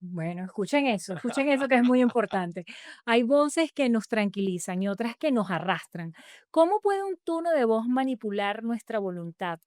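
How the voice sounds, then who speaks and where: A woman hosting a podcast, asking her guest expressive questions. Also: on the high side, moderate pace, no room sound, clean studio sound. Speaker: podcast host.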